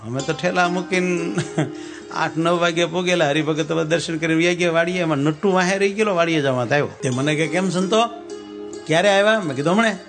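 Guy preaching, a bit high voiced, folksy storyteller, faint music behind. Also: quick pace, vocal fry. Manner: folksy storyteller, acts out dialogue. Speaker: Swaminarayan sadhu preacher. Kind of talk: katha sermon with sung verses and anecdotes.

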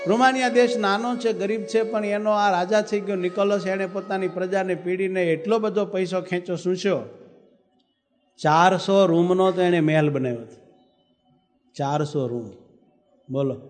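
A man's voice: sits high, steady tone, normal speed. A man giving a storytelling sermon, acting out dialogue and chanting verses. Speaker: preacher. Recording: reverberant hall with faint music.

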